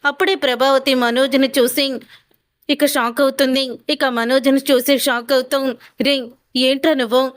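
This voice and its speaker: A woman retelling the plot of a TV serial in steady, plain narration. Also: sits high, normal speed. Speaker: storyteller.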